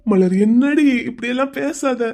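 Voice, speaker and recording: A woman's voice: high voice, expressive, moderate pace, mellow. A woman voicing an anxious young husband in a cartoon drama, pleading with his wife not to leave. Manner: pleading, coaxing.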